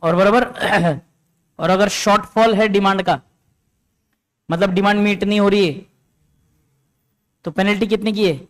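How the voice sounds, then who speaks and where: A man's voice: high-pitched, fairly even intonation, a little slow, pauses often, fairly bright tone. A man teaching a classroom lecture, explaining step by step and often checking that students follow.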